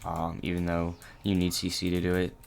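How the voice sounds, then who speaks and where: A young man narrating a casual gameplay tutorial, halting and low-key with many fillers. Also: completely flat delivery, vocal fry, slight background noise. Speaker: gaming channel host.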